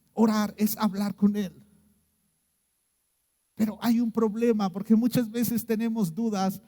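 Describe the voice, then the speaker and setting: A pastor with a Mexican Spanish accent tells a story during his sermon, going low and hushed whenever he imitates someone. He keeps checking in with "¿sí?", and the sound trails off in a long reverb tail.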